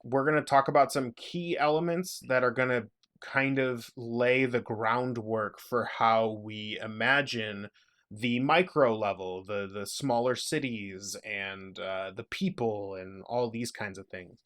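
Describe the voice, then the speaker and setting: A man's voice: mid-range voice, a little slow, a bit bright. Podcast host guy, casual chat, mid voice, does dramatic storytelling reads. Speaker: podcast host and game master. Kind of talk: casual chat and read-aloud world narration.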